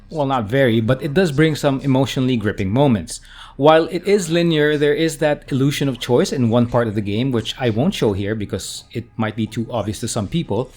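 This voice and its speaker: A man's voice: medium pitch, a little mellow. A man giving a casual video game review as a voice-over, conversational and often correcting himself mid-sentence.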